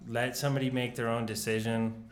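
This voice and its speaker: A young man in casual podcast chat with his partner, relaxed and laughing often, swearing freely. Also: medium pitch, brisk. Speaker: podcast co-host.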